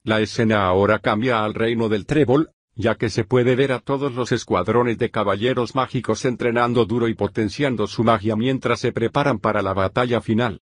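A man narrating a fanfic in a synthetic voice, flatly reading even the punctuation aloud. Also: medium pitch, moderate pace, hardly any pauses, no echo, studio quality. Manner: reads punctuation aloud, flat.

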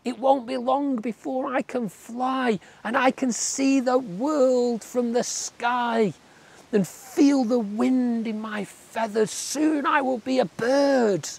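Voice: measured pace, creaky, breathy edge, heavily acted. A storyteller voicing a stubborn young tadpole who longs to be a bird, speaking eagerly and insistently. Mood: dreamy. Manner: eager, insistent, high and excited.

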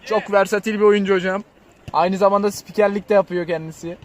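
High-pitched man calling a football match. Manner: rises to excited drawn-out calls on shots and goals. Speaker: play-by-play football commentator. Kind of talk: live match commentary.

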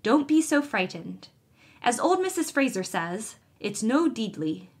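A woman voicing a calm, matter-of-fact country doctor soothing a worried family. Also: on the high side, unhurried, breathy edge, full character voice.

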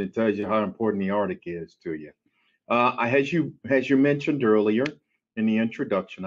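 Halting military officer on a video call. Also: male voice, on the low side, highs cut off. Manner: formal, halting with fillers. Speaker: deputy commanding general. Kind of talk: panel remarks.

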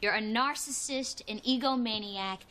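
An actress playing a sharp-tongued woman brushing off her vain ex in a cutting, dismissive way, on a noisy sitcom soundtrack. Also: on the high side, normal speed. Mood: cold.

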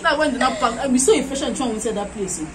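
Indoors at a doorway, a Nigerian-accented woman in her twenties chats animatedly on her vlog, laughing and slipping into pidgin. Her slightly high voice races along. A noisy crowd fills the background.

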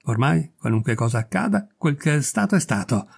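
A man reading aloud voices a scheming noblewoman who confides a secret in a hushed, savoring way. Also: mid-range voice, sing-song, brisk, vocal fry, breathy edge, heavily acted. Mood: gleeful. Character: scheming gossiping noblewoman, gleeful, conspiratorial.

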